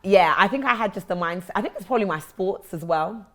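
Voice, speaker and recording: A woman's voice: medium pitch, animated, fast, sharp tone. A woman with a South London accent telling her own story as an interview guest, acting out remembered exchanges. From South London, England.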